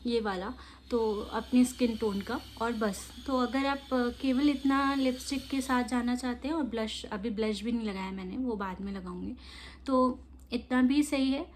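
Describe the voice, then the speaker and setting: A woman's voice: on the high side, moderate pace, a little hiss or hum. A young woman chatting casually while doing her makeup, laughing as she tells childhood stories. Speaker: makeup vlogger.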